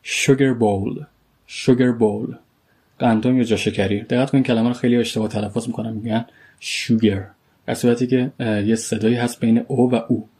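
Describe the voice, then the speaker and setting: A man with a Persian accent teaching a vocabulary lesson, saying each word slowly twice and then explaining it. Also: mid-range voice, steady tone, warm tone, breathy edge. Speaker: English teacher. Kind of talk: vocabulary lesson, slow repeated words with translations.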